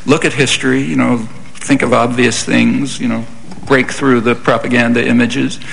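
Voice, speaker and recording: A man answering audience questions at a lecture in a measured, conversational way. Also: mid-range voice, flat delivery, vocal fry, a bit bright, poor audio. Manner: measured, conversational, frequent "I mean" and "you know". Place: university lecture hall.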